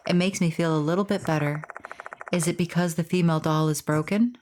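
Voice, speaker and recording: Lower-pitched woman narrating a horror game. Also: fairly even intonation, fairly quick, darkish tone, slight background noise. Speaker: gaming video host. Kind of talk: horror game commentary and read-aloud narration. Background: music.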